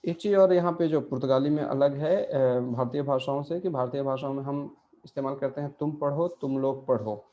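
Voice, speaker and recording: A man teaching an online language class at a middle pitch with a dark, mellow tone. He walks through the grammar step by step, posing questions and answering them himself. The recording sounds slightly dull and lo-fi. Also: moderate pace.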